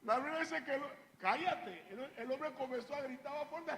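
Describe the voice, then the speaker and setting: Man preaching hard, high bright voice, shouts the bible cries, echoey church hall. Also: fairly even intonation, brisk. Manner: often calls the listeners "hermano". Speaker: pastor. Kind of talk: sermon.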